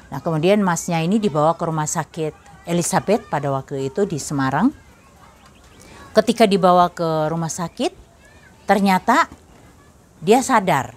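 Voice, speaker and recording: A middle-aged woman giving a personal faith testimony, telling her story earnestly and speaking straight to the listeners. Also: lowish voice. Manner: earnest storytelling, addressing listeners as brothers and sisters.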